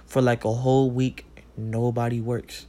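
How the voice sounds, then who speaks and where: Man, casual rant, profane, rambling, heated, mid pitch. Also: level tone, unhurried, warm tone.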